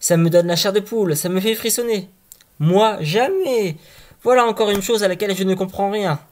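A man's voice: sits high, normal speed, voice pushed up, lightly acted. A man reading a fairy tale aloud, voicing a simple-minded young man who cannot feel fear, with a naive and puzzled manner.

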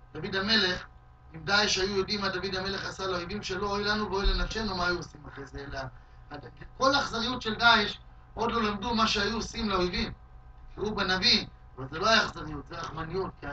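A man, a rabbi, giving a Talmud lesson in a study hall, telling stories in an animated way and acting out quoted shouts and cries. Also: sits high, slight background noise. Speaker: rabbi teaching a class. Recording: distant, dull lo-fi hall recording.

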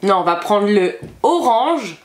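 A woman hosting a casual food-tasting vlog with her child, playful and animated, laughing often. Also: medium pitch, takes it slowly, crowd noise. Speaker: vlog host, mother. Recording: echoey room with background noise.

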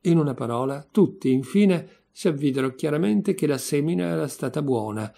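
A man reading a classic story aloud in a measured, expressive narration. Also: fairly high pitch, gravelly. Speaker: audiobook reader.

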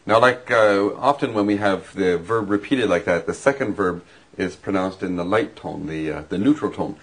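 A man's voice: low-pitched, normal speed, husky. A man teaching vocabulary and grammar in a lesson, explaining patiently with examples. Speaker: language teacher.

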